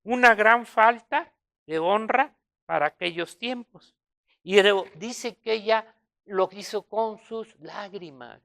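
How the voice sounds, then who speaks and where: A woman's voice: mid-range voice, slow pace, gravelly, a bit bright. A woman preaching a sermon, talking to the congregation in a conversational way, asking rhetorical questions and pushing up on key words.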